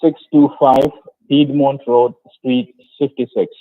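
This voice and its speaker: A man's voice: medium pitch, level tone, dry recording. Man on a breaking-up phone line. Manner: dictates an address slowly and repeats it. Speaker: caller.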